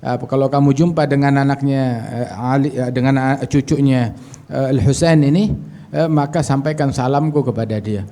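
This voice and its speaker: A man's voice: medium pitch, fairly even intonation, moderate pace, dark tone. A man preaching and telling a story at a religious gathering. He recites Arabic phrases, explains them in casual everyday speech, and acts out the dialogue.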